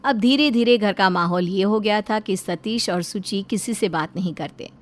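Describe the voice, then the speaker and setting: A woman narrating a family drama story in a low, steady storytelling voice. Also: moderate pace, faint music behind.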